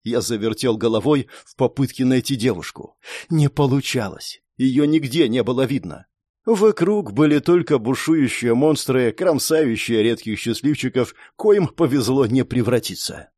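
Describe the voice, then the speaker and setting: A man's voice: mid-range voice, lively intonation, normal speed, mellow, dry recording, studio quality. A man narrating a first-person fantasy story in a tense, dramatic reading style. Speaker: audiobook narrator.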